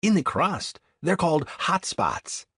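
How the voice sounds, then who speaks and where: A cheerful Ecuadorian guide in his thirties, played by a man, talking with a Spanish accent in a lively, up-and-down voice with a husky edge. He explains things patiently and slows over tricky words, in a dry, close audiobook read. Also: on the high side, dry recording, voice pushed up, heavily acted. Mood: explaining.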